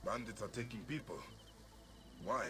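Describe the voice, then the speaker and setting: A man playing a terse calm warrior. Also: lowish voice, normal speed, natural voice. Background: game music.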